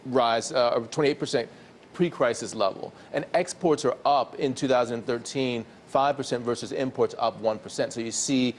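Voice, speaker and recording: An economics commentator on TV, a regular guest, works through the figures step by step, hesitant and full of fillers. His voice is mid-range at a moderate pace, with a little hiss or hum on the recording.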